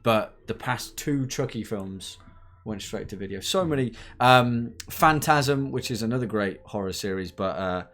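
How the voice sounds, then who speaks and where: A man's voice: lowish voice, normal speed, few pauses, a bit bright. A man co-hosting a live stream, answering viewer questions in a rambling casual chat. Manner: rambling, full of restarts and fillers.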